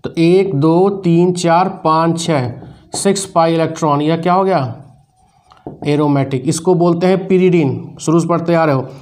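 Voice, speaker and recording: A man's voice: on the high side, a little slow, a little mellow. A man from teaching chemistry at a board, counting electrons aloud and quizzing his students. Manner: counts aloud step by step, drills students with questions. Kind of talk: whiteboard lecture.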